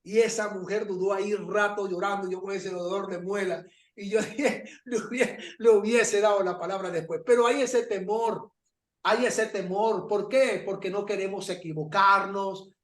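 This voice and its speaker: Animated, high-voiced male pastor on a video call, echoey room. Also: normal speed. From Paraguay. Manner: storytelling, animated, laughs often. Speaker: pastor teaching an online class. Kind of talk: informal Bible class.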